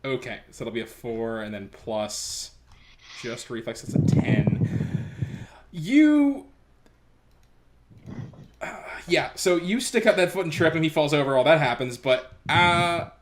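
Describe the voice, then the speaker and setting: A man's voice: a little high, a little slow, long pauses. A man running a tabletop role-playing game, talking casually with lots of ums and uhs. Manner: relaxed, hesitant, lots of fillers. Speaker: game master.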